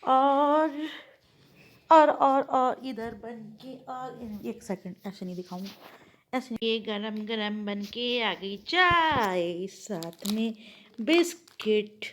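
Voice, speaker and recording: A woman's voice: on the high side, drawn-out words, slight background noise. A woman vlogging casually at home, thinking aloud and rambling to her viewers. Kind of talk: casual chatty home vlog.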